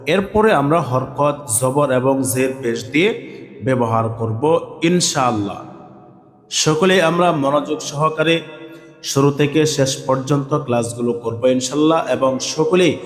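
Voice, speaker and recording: Slow-paced man chanting Quran letters, echoey. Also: mid-range voice, faint music behind. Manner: slow call-and-response drilling, chants letters and prayers; asks questions and answers them himself. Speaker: Quran reading teacher. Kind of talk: online Quran alphabet lesson.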